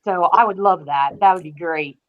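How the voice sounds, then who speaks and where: On a podcast, a female guest who writes about entertainment chats casually and enthusiastically in a lowish voice at a normal speed. The call audio sounds slightly dull and lo-fi.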